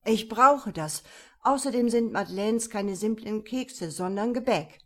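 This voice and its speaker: Woman doing chubby fifty-year-old male cop, whiny and defensive, storybook reading, medium pitch. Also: measured pace, natural voice. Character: portly fifty-year-old male policeman with a sweet tooth.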